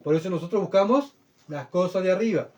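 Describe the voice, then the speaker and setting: A man preaching with earnest emphasis, his voice sitting a little higher than most men's. He swings between loud, pleading bursts and quiet asides, often checking that his listeners follow. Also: fairly quick. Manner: earnest, emphatic, rhetorical questions. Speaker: pastor. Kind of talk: sermon.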